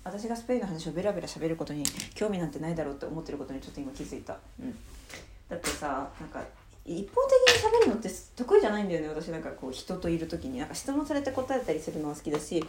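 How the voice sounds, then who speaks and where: A woman's voice: fairly low pitch, a little mellow, reverberant, slight background noise. A woman hosting her own podcast from her room, chatting casually and rambling reflectively with lots of fillers, sleepy at the start. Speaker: podcast host. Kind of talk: casual solo podcast talk.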